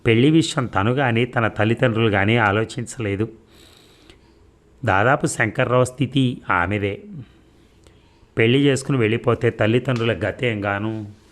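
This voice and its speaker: A man narrating an audio story in a steady, measured reading. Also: mid-range voice.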